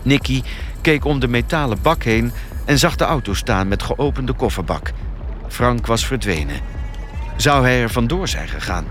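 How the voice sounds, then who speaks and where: Man reading a thriller aloud, expressive. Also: mid-range voice, moderate pace, soft background music. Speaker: narrator. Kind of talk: audiobook thriller narration.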